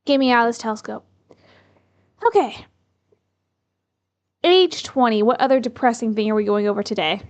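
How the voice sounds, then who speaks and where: A woman's voice: a little high, moderate pace, long pauses. A young woman commenting on a story game in a chatty, self-mocking way. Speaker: gaming YouTuber.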